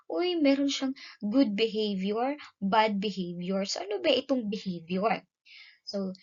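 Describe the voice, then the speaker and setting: A Filipino woman teaching a class, explaining terms with frequent "no?" tag questions and an emphatic, lively delivery. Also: mid-range voice, lo-fi sound. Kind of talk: classroom lesson.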